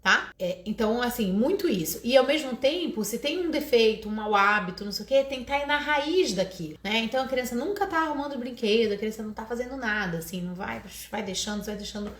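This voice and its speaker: A woman's voice: a little high, expressive, fast, hardly any pauses, fairly bright tone. A woman with a Brazilian Portuguese accent hosting a parenting podcast. She gives casual advice and keeps adding tag questions and restarting her sentences. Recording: roomy echo.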